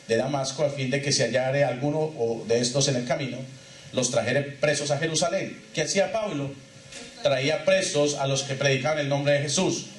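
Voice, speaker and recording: Pastor guy preaching, kinda high voice, keeps asking the church "qué?", echoey hall sound. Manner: asks the congregation call-and-response questions, rising and falling emphatically. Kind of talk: sermon.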